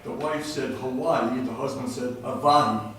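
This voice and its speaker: An older man making a public comment at a city council podium speaks at normal speed in an ordinary mid-pitched voice, earnest and patriotic, with an occasional joke. A distant mic catches him in a very echoey chamber with faint noise.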